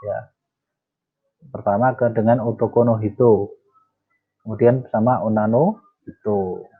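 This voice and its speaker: A man teaching Japanese in a casual lesson. He reads example sentences slowly, then translates and explains them. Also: lowish voice, steady tone, slightly rough. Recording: tinny phone-like audio.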